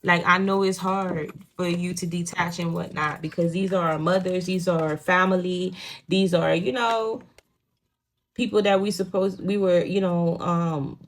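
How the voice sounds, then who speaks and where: In a steady, unhurried voice on the low side, a young woman gives a relaxed tarot reading. She's a native Creole speaker from a Haitian home with a Haitian Creole accent, and she talks bluntly and profanely, often saying "you know what I'm saying."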